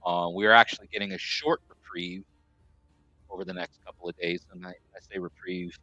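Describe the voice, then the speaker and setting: Casting note: lower-pitched New man with a forceful, bright edge, chatty stream host who rambles and restarts, dry muffled home mic. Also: steady tone, fairly quick, dry recording, faint music behind. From New York, USA. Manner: rambling, self-correcting. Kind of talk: casual chat reading viewer comments.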